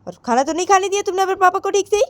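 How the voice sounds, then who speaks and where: A woman's voice: very high voice, racing, no room sound, voice pushed up. A woman voicing a bossy middle-aged mother who nags, gives orders and repeats her threats in a storybook tale. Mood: bossing.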